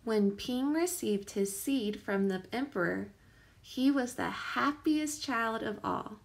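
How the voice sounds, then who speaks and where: A woman reading a children's picture book aloud as a teacher would, with careful, expressive storytelling emphasis. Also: on the high side, slow, creaky.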